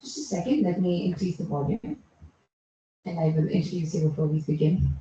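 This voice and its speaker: A woman's voice: on the low side, a little fast, mellow, slight background noise. A woman hosting a club meeting, chatty and teasing as she calls on people. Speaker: meeting host. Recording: echoey room, far from dull mic.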